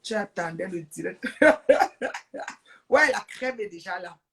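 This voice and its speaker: A woman's voice: on the low side, a little slow, vocal fry, fairly bright tone. Chatty woman hosting a live stream. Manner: chatty, laughs often, greets viewers. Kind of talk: casual live stream chat. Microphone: phone or webcam on a live stream.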